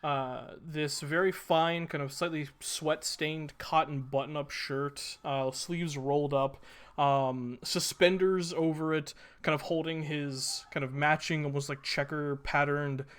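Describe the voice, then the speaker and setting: A man working as game master, improvising descriptive narration in a halting, casual way. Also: on the high side, steady tone, a bit bright, smooth.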